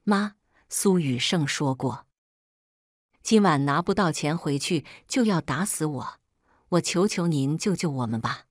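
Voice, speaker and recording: Woman doing a manipulative young daughter, pleading, stammering, lowish voice, dry close sound, storybook reading. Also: expressive, a little slow, dry recording. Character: young adult daughter, pregnant, wheedling and manipulative. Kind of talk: scripted storytelling.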